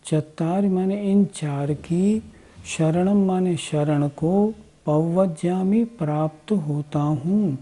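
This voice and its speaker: A woman teaching a religious lesson, reciting verses and explaining them word by word in a slow, deliberate way. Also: on the low side, warm tone. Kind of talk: lesson with chanted Prakrit verses.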